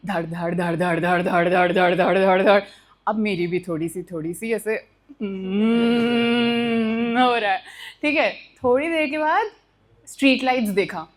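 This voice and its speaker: A young woman telling a true personal story at a live storytelling session, animated and mixing in English phrases, acting out noises with sound words. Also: high voice. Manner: mixes Hindi with English phrases.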